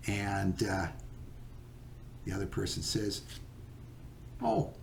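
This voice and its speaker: A man teaching a recorded geometry lesson, patient and unhurried, with many fillers and okays. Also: fairly low pitch, animated, vocal fry, a little mellow, a little hiss or hum.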